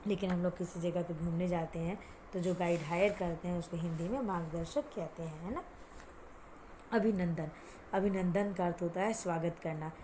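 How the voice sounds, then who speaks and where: A woman teaching Hindi vocabulary to children, asking and answering her own questions, mixing in English words, and having the pupils repeat hard words after her as she pronounces them slowly. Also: lowish voice, warm tone, a little hiss or hum. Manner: drawn-out careful pronunciation of hard words.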